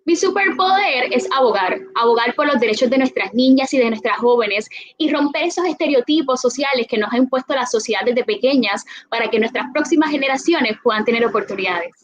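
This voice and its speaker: A woman's voice: fairly high pitch, lively intonation, fast, muffled recording. A young woman with a Puerto Rican accent speaking passionately as a panelist on a webinar call. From Puerto Rico. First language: Spanish. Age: young adult. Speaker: youth panelist.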